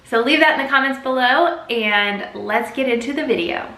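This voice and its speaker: A woman's voice: high-pitched, normal speed, pushed and bright. A woman chatting casually to camera as a family vlogger, upbeat and chatty, recorded in a bathroom with heavy echo. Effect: strong room echo. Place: bathroom at home.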